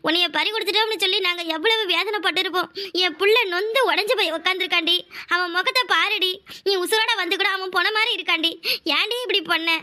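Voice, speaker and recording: Brief: an older scolding cartoon mother, Kanyakumari Tamil accent, shrill. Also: fast talker, pushed and bright. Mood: lamenting. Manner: lamenting, scolding. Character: grieving old mother, wailing and scolding. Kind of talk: cartoon voice acting.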